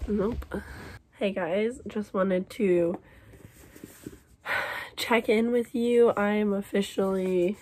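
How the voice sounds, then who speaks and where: Very slow, with long pauses, her medium-pitched voice stays steady and has a darkish tone as she vlogs about books from her small bedroom. She's a young woman in her twenties, chatty and rambling with lots of fillers, her voice worn and weakening, and a faint hiss or hum sits underneath.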